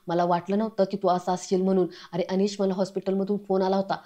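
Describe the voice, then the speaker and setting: A woman reading the lines of an angry young man who accuses his friend over missing money, in a flat, mellow voice. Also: mid-range voice, quick pace, close to an everyday voice. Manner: accusing, heated.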